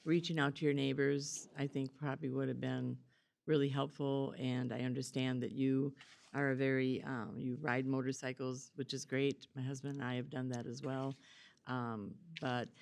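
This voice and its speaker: A woman county commissioner asking questions and commenting at a public board meeting, measured and hesitant with fillers. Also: extremely low pitch, flat delivery, creaky, darkish tone.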